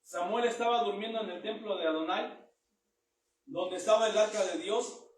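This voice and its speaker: A man with a high voice gives a Bible teaching sermon in what sounds like a church hall. He reads each verse aloud and then explains it in plain words. The room rings with heavy echo, and he stands well away from the microphone. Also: normal speed, slight background noise. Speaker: preacher. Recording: very echoey room, mic far off.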